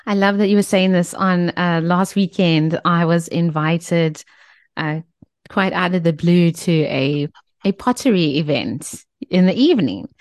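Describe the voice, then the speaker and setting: A woman hosts a radio chat in a fairly low voice, effusive and full of fillers and restarts. Her voice is dry and close, with no room sound around it. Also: unhurried, a little mellow, no echo. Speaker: radio host. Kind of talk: casual radio interview chat.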